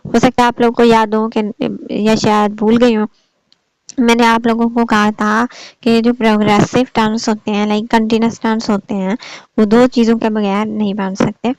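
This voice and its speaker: A woman's voice: fairly high pitch, level tone, moderate pace, darkish tone, no echo, rough recording. A woman teaching an online English grammar lecture, explaining patiently and saying "okay" again and again as she goes. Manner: explains patiently, repeats "theek hai" often.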